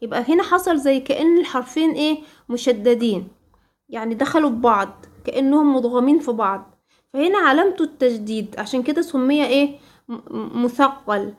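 Egyptian woman, tajweed teacher; high voice, patient drilling delivery with prompt questions and repeated terms. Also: expressive, brisk. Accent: Egyptian Arabic. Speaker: Quran recitation teacher. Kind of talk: tajweed lesson.

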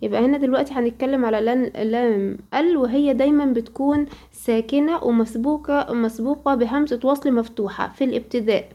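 Patient Egyptian woman tajweed teacher, higher pitch, talks straight to her student, dull lo-fi recording. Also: darkish tone. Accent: Egyptian Arabic. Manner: patient and repetitive, addressing a female student directly. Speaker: Quran recitation teacher.

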